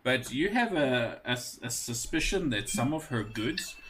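A man narrating a tabletop role-playing game as game master, relaxed and often laughing. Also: mid-range voice, measured pace, a little hiss or hum.

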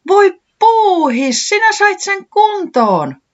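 Storyteller doing a weepy young male bunny, high and wailing, lively pitch, dull lo-fi sound. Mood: overjoyed. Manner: wailing, easily weeping.

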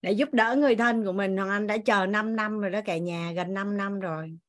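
A woman's voice: medium pitch, fairly even intonation, a little fast. A woman teacher leading an online class, speaking to the group as family, on a video call.

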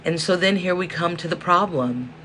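Hosting a casual solo podcast, a hoarse woman from South Central Los Angeles talks in a chatty, rambling way, cutting herself off with laughs. Her pitch is fairly low, her speed normal, her tone fairly bright. A space heater in the indoor room adds a faint background whir.

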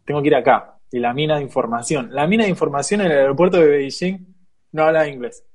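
A young Argentine man with a Rioplatense accent, casually telling a lively travel anecdote, laughing often and acting out the people in his story. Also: a little high, fast talker, slightly rough. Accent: Rioplatense Argentine Spanish. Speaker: guest storyteller.

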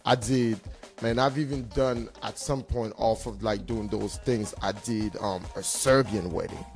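Male, gravelly low voice; confident, slangy interviewee talking casually. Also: fairly even intonation, measured pace, soft background music. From Cameroon. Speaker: DJ and hype man being interviewed.

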